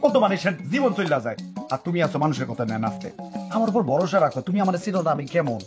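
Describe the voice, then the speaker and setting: An actor playing a scheming husband who takes a second wife, talking in a lively dialect-heavy way. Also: male voice, fairly high pitch, over music. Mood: scolding. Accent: Bangladeshi Bangla dialect. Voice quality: animated, lively, fast talker. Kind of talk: comic TV drama.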